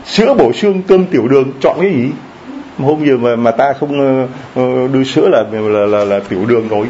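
Lively joking preacher, lo-fi church recording. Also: male voice, medium pitch, a little hiss or hum. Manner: lively, joking, asks the congregation questions. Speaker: priest. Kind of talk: sermon.

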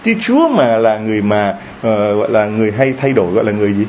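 A man preaching a sermon in a lively, joking way, often asking the congregation questions. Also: on the low side, fast, lo-fi sound, slight background noise. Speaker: priest.

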